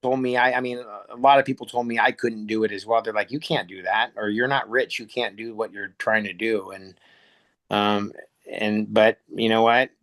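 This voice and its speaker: A middle-aged American man from the United States, an air show pilot appearing as an interview guest, talks casually and reflectively. He is plain-spoken and often searches for words, with a fairly low, fairly even, fairly bright voice at a moderate pace.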